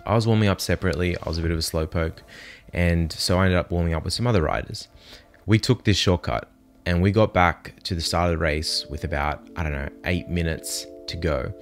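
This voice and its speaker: A man's voice: sits low, a little fast. A man with a nasal voice, feeling under the weather, telling a chatty, self-deprecating story as a voice-over. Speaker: vlogger narrating his race. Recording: roomy sound with music underneath.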